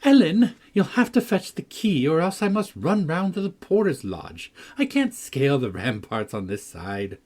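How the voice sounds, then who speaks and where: A man's voice: fairly low pitch, wildly swooping pitch, normal speed, few pauses. A man reading a novel aloud, voicing a spirited, devoted young girl with fervent, breathless delivery. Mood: laughing.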